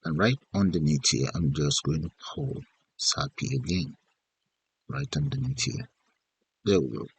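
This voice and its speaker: A deep-voiced man walks through a programming tutorial. He speaks slowly and thinks aloud in short fragments, with a husky edge to his voice. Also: lively intonation, no room sound. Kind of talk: unscripted step-by-step screen tutorial narration.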